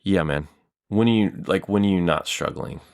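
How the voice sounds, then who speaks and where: A man in his thirties, a podcast guest, with a low voice. He rambles through long casual answers and swears now and then. His voice is recorded dry, with no room sound. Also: normal speed, no echo. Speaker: improviser and guest.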